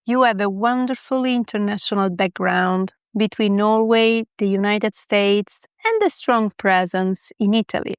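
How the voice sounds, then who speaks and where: A woman's voice: mid-range voice, a little slow, hardly any pauses, smooth, dry recording, clean studio sound. A woman hosting an interview as an Italian teacher, asking polished, prepared questions. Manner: polished, warm scripted questions.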